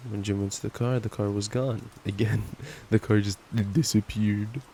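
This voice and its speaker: With rain pattering in the background of a noisy track, a young man reads a bedtime story as a playful, affectionate ASMR boyfriend, stumbling and giggling along the way. He speaks at a moderate pace in a steady, mellow voice on the low side.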